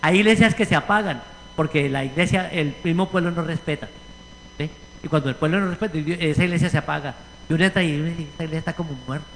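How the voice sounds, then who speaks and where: A man with a Puerto Rican accent preaching in a church, animated, acting out voices as he leads a congregation discussion. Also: on the high side, fast, gravelly, slight background noise. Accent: Puerto Rican Spanish. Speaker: pastor. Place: church sanctuary. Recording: church hall reverb.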